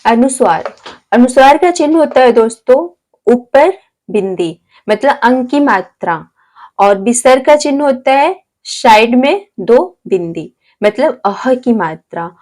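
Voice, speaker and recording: Slow high-voiced woman teacher. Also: lively intonation, darkish tone. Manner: addresses viewers as friends, asks and answers own questions; spells out letters one by one. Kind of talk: explaining grammar to viewers.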